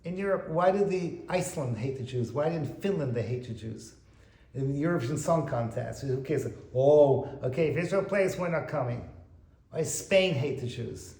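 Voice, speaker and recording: Animated rabbi lecturing in an echoey room. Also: male voice, a little high, normal speed. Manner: animated, quotes Hebrew texts and translates. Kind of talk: Torah lecture. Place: private home.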